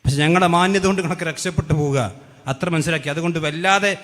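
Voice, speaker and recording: A man's voice: on the high side, very fast, fairly bright tone, long reverb tail. A man giving a combative religious rebuttal, firing rhetorical questions. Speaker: religious debate speaker. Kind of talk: polemical religious rebuttal talk.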